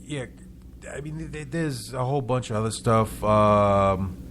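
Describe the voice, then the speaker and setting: A man's voice: medium pitch, a little slow, fairly bright tone, a little hiss or hum. A man hosting a casual local radio talk show, chatting with frequent stumbling restarts and chuckles.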